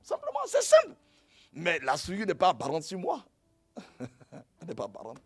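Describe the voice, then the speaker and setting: A middle-aged male pastor preaching a sermon in a lively storytelling way, going from quiet asides to loud exclamations. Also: a little high, normal speed, breathy edge, no echo, soft background music.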